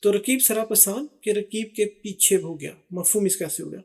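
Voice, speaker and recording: A man's voice: high voice, creaky, darkish tone, husky. A man hosting a casual chat, asking questions and summing up each answer. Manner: asks questions, repeats and sums up each answer. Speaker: host. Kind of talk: casual chat, explaining song lyrics.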